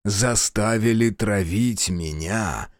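A man playing a stern male prince and archmage in an audiobook, speaking slowly and coldly with authority. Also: on the low side, dry recording, clean studio sound, pitched below the performer's own voice. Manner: slow, cold, commanding.

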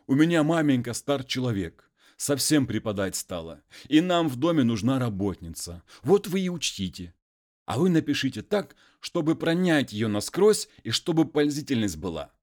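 A wheedling peasant pleads in folksy, drawn-out phrases, as a man puts him on for a story reading. The voice sits high and loud, with lots of lift and fall in each line. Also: big pitch swings, close to an everyday voice. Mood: pleading.

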